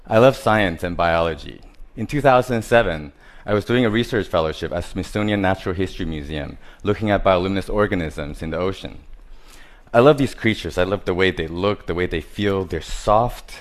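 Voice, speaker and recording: A man from Taiwan, giving a prepared stage talk about his art in simple, listing phrases with grammar. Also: sits low.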